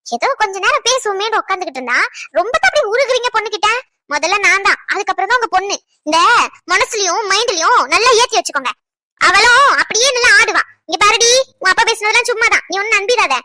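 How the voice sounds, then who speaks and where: A woman's voice: very high voice, animated, fast, pushed and bright, heavily acted. A young woman voicing a pregnant wife who scolds and teases playfully, then turns tender. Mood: jealous teasing.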